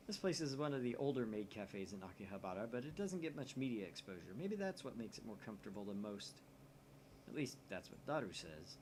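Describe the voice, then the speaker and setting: A young man hosts a let's-play video, reading visual novel narration aloud and adding wry commentary as he goes. His voice is mid-range, and the background is noisy.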